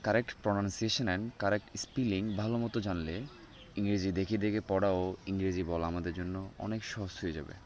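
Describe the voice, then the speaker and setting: A man teaching an English pronunciation lesson, going slowly through the alphabet letter by letter. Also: low voice, steady tone, slight background noise. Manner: slow, spells out letters one by one. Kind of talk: spoken language lesson.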